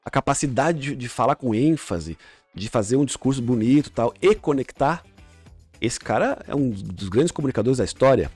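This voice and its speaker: A man's voice: mid-range voice, lively intonation, normal speed, a little mellow, breathy edge, no room sound, faint music behind. A middle-aged man, a podcast guest coaching on communication, explaining with examples and frequent restarts. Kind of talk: casual podcast chat.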